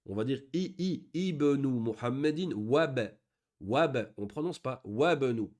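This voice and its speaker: A man teaching an online beginners' Arabic reading class, patiently reading example sentences slowly and then explaining each point step by step. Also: mid-range voice, lively intonation, darkish tone.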